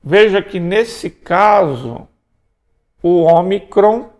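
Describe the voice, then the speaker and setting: A Brazilian man gives a recorded lecture on Greek pronunciation, explaining things step by step and checking in with quick tag questions. His voice is high, animated, and darkish in tone.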